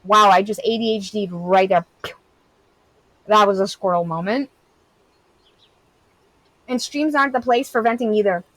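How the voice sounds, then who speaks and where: A woman in her thirties streams a game and talks straight to her chat, open and rambling, with plenty of "like" along the way. Her voice sits at an ordinary middle pitch. The sound is close and dry. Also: normal speed, long pauses, fairly bright tone, dry recording, low-quality recording. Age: 30s. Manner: candid, rambling, heavy use of "like". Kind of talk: casual chat, reading and answering live chat.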